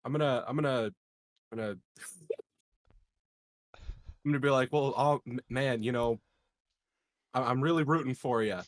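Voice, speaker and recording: A man playing a tabletop roleplaying game chats casually and improvises jokes, often repeating words as he stammers. His mid-range voice moves at a moderate pace with long pauses, and the recording has no room sound.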